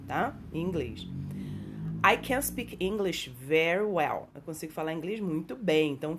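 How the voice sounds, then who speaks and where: A woman English teacher explaining grammar step by step in a patient video lesson, often checking in with the viewer and reading example sentences slowly. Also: on the low side, breathy edge.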